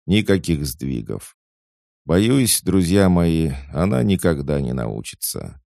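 A man's voice: sits low, big pitch swings, slow, creaky, warm tone, no room sound, studio quality, voice pushed up, exaggerated voice. A man doing a strict fussy ghost butler. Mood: dismayed. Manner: scolding, strict.

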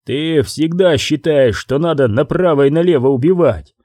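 A male audiobook reader voicing a furious middle-aged crime boss who shouts and bites off each word. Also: on the high side, moderate pace, dry recording, lightly acted.

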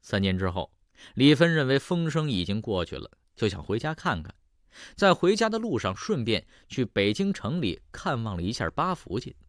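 A man's voice: medium pitch, sing-song, moderate pace, no room sound, studio quality. A man narrating a traditional tale in a dramatic style, voice rising and falling with the action. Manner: dramatic, swelling rises and falls. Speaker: storyteller. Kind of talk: traditional Chinese storytelling narration.

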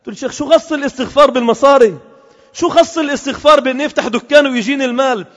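A man's voice: very high-pitched, rapid-fire, fairly bright tone. A man giving an impassioned Friday sermon in a mosque, asking the crowd rhetorical questions and mixing formal and everyday speech. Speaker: Friday preacher. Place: large mosque hall. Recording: lo-fi recording with long hall reverb.

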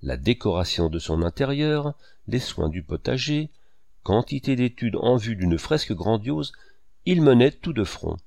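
A man reading a literary novel aloud in a measured, expressive storytelling manner. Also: medium pitch, creaky, dry recording, clean studio sound. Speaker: audiobook reader. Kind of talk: literary audiobook narration.

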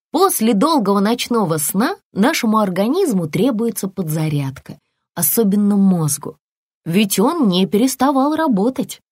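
A woman's voice: medium pitch, no echo. Woman narrating a children's story, dry close sound. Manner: expressive, lively storytelling. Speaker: audiobook narrator.

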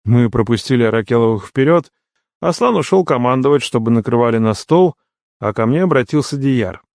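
A man reading a first-person novel aloud as an audiobook narrator, expressive, on a close studio mic. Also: mid-range voice, brisk, no room sound. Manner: expressive storytelling.

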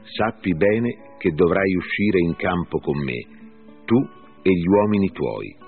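A man's voice: deep voice, expressive, measured pace, breathy edge, full character voice. A man voicing a commanding foreign king, in a firm plain reading. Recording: phone-like lo-fi with faint music.

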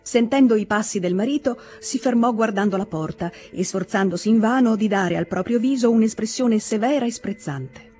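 A woman reading a classic novel aloud in a measured, expressive narration. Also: on the high side, faint music behind. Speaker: audiobook reader. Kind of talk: literary audiobook narration.

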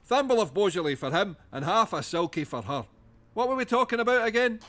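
A man's voice: high voice, sing-song, a little fast, fairly bright tone, slight background noise. An actor with a Scottish accent playing a man who rambles off into fanciful tangents. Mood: rambling. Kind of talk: sitcom acting.

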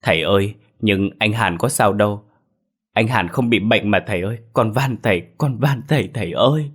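A man's voice: lowish voice, normal speed, fairly bright tone, husky. A man voicing a desperate young daughter who begs her father through tears. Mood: begging. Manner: begging, tearful.

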